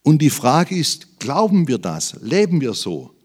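A man preaching a sermon, swinging between emphatic loud appeals and low, quiet asides. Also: wildly swooping pitch, a little slow, breathy edge.

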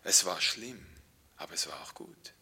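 Man playing old blind beggar, earnest, cries out then whispers, very bright tone. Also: fairly high pitch, lively intonation, unhurried, voice pushed up, exaggerated voice.

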